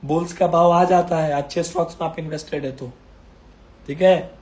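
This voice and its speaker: A man's voice: a little high, steady tone, normal speed, darkish tone. A man giving stock market commentary while unwell, his throat strained and coughing, repeating phrases emphatically to reassure viewers. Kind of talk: casual market commentary video.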